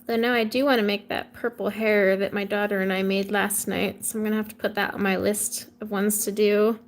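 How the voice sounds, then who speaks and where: A woman's voice: medium pitch, level tone, fairly quick. A woman, chatting casually with viewers on a livestream and answering their comments. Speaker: livestream host coloring with viewers. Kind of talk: casual chat while coloring.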